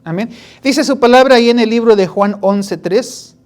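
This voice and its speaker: A woman's voice: fairly high pitch, moderate pace, a little mellow. A woman preaching a sermon in a conversational way, retelling stories and scripture and constantly addressing her listeners as brothers. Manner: retells anecdotes and scripture with frequent restarts.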